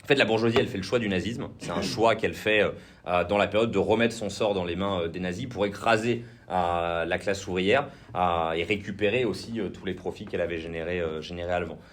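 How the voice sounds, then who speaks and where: A man's voice: low voice, fairly quick. A man with a French accent giving an informal political training talk, hesitant, with many fillers and restarts. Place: indoor training session room.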